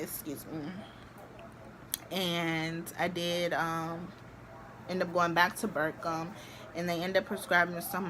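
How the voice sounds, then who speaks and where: A young woman vlogging, telling a story to the camera in a chatty, animated way with many filler likes. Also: fairly low pitch, background noise. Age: young adult.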